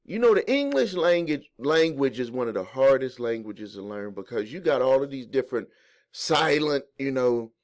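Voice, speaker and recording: A man talks straight to camera about debt and the courts, wandering into side stories as he goes. His voice sits in an ordinary middle pitch, and he fills the gaps with plenty of "you know" and "uh" as he restarts his thoughts. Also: expressive, normal speed. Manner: rambling, conversational, many fillers and restarts; folksy storytelling asides. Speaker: host of a credit repair channel. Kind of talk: casual explainer monologue.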